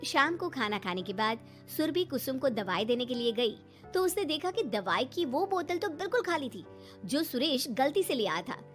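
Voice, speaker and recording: A woman telling an animated story as scripted narration, in a steady storytelling way. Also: high-pitched, moderate pace, soft background music.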